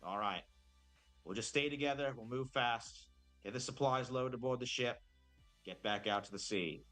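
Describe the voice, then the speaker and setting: A man's voice: medium pitch, normal speed, fairly bright tone, soft background music, natural voice. A man voicing a veteran male redback spider general with a put-on Australian accent, giving plainspoken rallying orders. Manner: rallying, plainspoken soldier talk.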